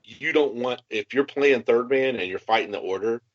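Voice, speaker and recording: With a mid-range voice at a normal speed, this gaming podcast co-host discusses tabletop strategy in a casual, emphatic way and repeats his points. The audio is dull and echo-free.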